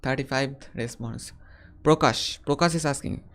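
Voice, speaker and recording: A YouTuber in his early twenties from West Bengal hosts a Q&A live stream, answering viewer questions in a casual, deliberate way and often repeating phrases. He has a Bengali Indian accent and a medium-pitched, fairly bright voice.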